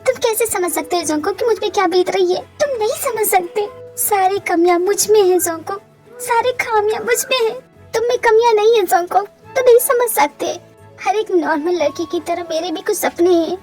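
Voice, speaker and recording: A grieving young wife, played by a woman speaks in a high voice, tearful and pleading. Soft music sits faintly behind this fan-dubbed romantic audio drama. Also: steady tone, normal speed, few pauses. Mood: despairing.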